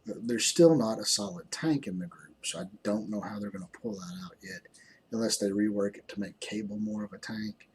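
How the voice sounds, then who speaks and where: A man with a fairly low voice talks through a mobile game as a YouTuber, tired and rambling, pausing on ums and restarting sentences. A faint room hum sits behind him. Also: a little mellow. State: tired, yawning. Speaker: gaming YouTuber. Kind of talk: casual game commentary.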